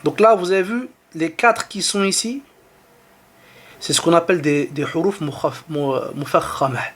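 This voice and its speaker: A man with a high, light voice and a French accent teaches the Arabic alphabet. He talks patiently, sounds out each letter and vowel slowly, and circles back to repeat them. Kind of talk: online lesson.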